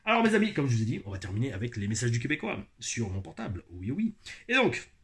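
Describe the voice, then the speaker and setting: A man from France hosting a review show, talking in an animated, chatty way and laughing often. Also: medium pitch, quick pace. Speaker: host of a wrestling review show. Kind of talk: casual chat.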